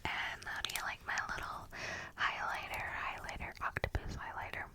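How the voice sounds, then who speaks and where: A woman whispering close to the microphone, chatting in a rambling way and correcting herself as she goes. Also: normal speed. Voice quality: soft unvoiced whisper. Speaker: ASMR creator. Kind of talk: whispered ASMR movie recommendations. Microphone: close ASMR microphone.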